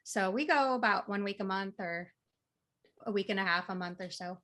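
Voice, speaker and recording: A woman in her thirties from the American Midwest, answering interview questions in a relaxed, matter-of-fact way. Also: medium pitch, moderate pace. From Midwest United States. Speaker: freelance writer, interview guest. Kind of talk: casual interview.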